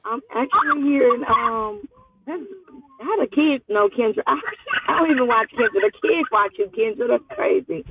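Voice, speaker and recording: This caller is a Louisiana woman in her twenties, phoning from a parked car for a casual chat that comes across flustered, evasive, and full of slang. She sounds animated, with a voice on the high side at normal speed, over background noise and muffled phone-quality audio.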